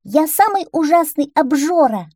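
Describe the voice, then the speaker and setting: A woman voicing a greedy, boastful little male duckling who shouts and brags in a storybook reading. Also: very animated, measured pace, no room sound, studio quality. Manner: loud, shrill and cocky.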